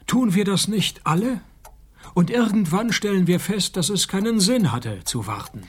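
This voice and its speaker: A man playing a cynical, hard-drinking noir private detective in a radio crime drama, dry and deadpan. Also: high-pitched, moderate pace, husky. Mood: dry, weary. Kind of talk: scripted radio crime drama with first-person narration.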